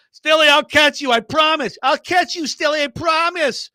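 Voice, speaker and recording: Pleading East Coast tough guy, acted by a man, mock Northeastern city accent, high and bright. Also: a little slow, dry recording, studio quality, heavily acted. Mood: pleading, mock-earnest.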